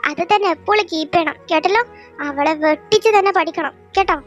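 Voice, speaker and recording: A young woman voicing a loud, pushy mother who lectures her son slowly and bossily, in a fan audio drama. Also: very high voice, dull audio, soft background music. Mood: bossy. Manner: loud, slow, bossy.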